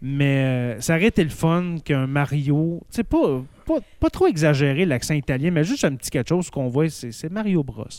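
A man with a Québécois French accent chats casually as host, his voice sitting a little high. He talks in loose, rambling sentences full of restarts and fillers. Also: very animated, moderate pace, hardly any pauses, a little mellow, no room sound. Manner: rambling, many false starts and fillers. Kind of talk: casual chat.

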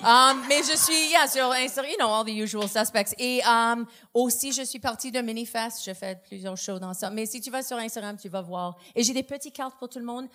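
A woman guesting on a casual comedy podcast, effusive and prone to loud outbursts. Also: a little high, a little fast, hardly any pauses. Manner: effusive, bursts into loud exclamations.

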